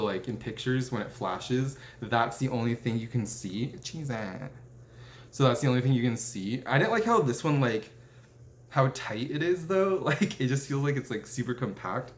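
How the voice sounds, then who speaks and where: A man's voice: lowish voice, slight background noise. A young man in his twenties chatting casually as a vlogger, rambling through stories with lots of "like" fillers and self-corrections while sitting at a table indoors. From United States. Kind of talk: casual rambling show-and-tell. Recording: roomy echo with faint ambience.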